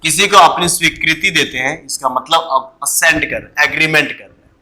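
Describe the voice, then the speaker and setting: Bright-voiced man teaching vocabulary. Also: fairly high pitch, a little fast, rough recording. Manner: asks questions and answers them himself; repeats key words. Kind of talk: online vocabulary class.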